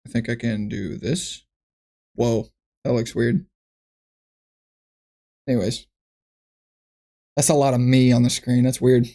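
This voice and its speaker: Man, livestream chat, rambling and thinking aloud, mid-pitched voice, at a desk mic. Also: flat delivery, slow pace, pauses often, mellow. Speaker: streamer.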